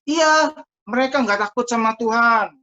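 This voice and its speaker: A man teaching a Sunday school Bible story to children in a lively, chatty way, talking to them directly over a video call. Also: very high voice, normal speed. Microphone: computer mic over a video call. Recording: muffled lo-fi video call audio.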